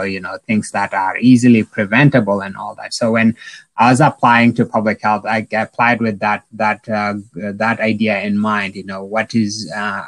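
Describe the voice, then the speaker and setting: Halting low-voiced man, full of restarts. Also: dry recording, poor audio. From South Sudan. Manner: halting, many restarts and fillers. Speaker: epidemiologist guest. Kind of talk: interview answers.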